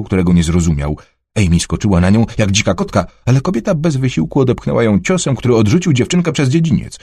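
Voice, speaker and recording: Husky, expressive male audiobook narrator. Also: dry recording, studio quality. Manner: expressive, dramatic storytelling with varied pitch. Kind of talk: scripted narration of a children's adventure novel.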